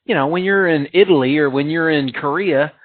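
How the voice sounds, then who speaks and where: A man's voice: a little high, fairly quick, no room sound. A man from the United States co-hosting a casual podcast chat, rambling and poking fun at himself, laughing often. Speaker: podcast co-host. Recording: tinny phone-like sound.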